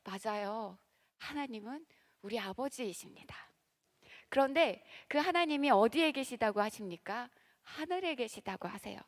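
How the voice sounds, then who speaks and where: Woman pastor, lively sermon delivery, high bright voice, long church reverb. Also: moderate pace. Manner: animated preaching, acting out quoted voices. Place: church sanctuary.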